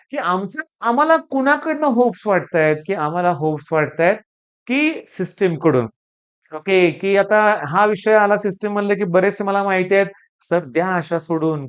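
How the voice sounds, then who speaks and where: A man's voice: high voice, clean tone. A male teacher from Maharashtra with a Marathi accent, talking emphatically to camera and repeating catchphrases to his students.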